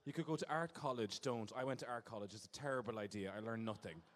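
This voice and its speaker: A man's voice: mid-range voice, fast. Teasing man hosting in an echoey hall. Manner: playful, teasing, camp. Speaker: host. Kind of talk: comic crowd work. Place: large indoor venue, in the crowd. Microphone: handheld microphone.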